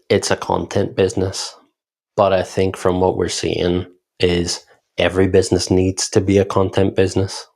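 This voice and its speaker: Northern irish man, deep gravelly voice, flat steady delivery, casual podcast talk. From Northern Ireland. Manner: reflective, explanatory, steady. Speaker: podcast co-host, founder.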